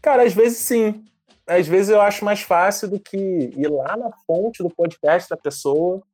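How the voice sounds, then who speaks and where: A man's voice: high-pitched, measured pace, a little mellow, no echo. A man co-hosting a casual podcast, laid-back, explaining things at length. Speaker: podcast co-host.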